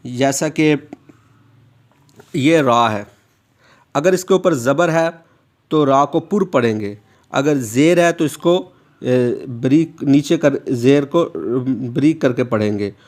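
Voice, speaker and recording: A man teaching Quran reading step by step, drawing out letter sounds patiently for the listener to repeat. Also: mid-range voice. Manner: slow, patient, drawn-out letter sounds for repetition. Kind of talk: step-by-step recitation lesson.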